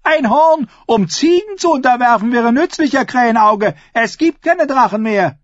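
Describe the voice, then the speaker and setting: A man's voice: extremely high pitch, lively intonation, moderate pace, no echo, dull audio, pitched above the performer's own voice. A man doing a scornful young woman captain. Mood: mocking. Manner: scornful, mocking.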